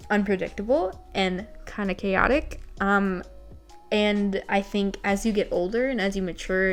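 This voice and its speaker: A vlogger in her twenties reads from an old journal and comments on it as she talks to camera, candid, casual, confessional and self-deprecating. Her voice is mid-range. She records at home with a ring light set up.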